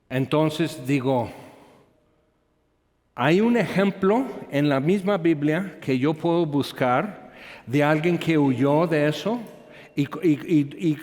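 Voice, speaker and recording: A man with a somewhat high voice delivers a sermon, mixing a personal story with asides and quick questions to the listeners. His voice carries a long reverb from a large hall. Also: a little mellow. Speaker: preacher.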